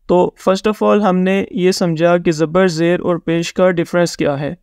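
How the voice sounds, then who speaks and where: A man with a fairly high, smooth and clean voice teaches a beginners' reading lesson. He sounds dry and close, without room echo. He is patient, repeats every rule, checks in often and sounds out each example slowly, mixing English words into his explanations. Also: darkish tone. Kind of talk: step-by-step recorded lesson.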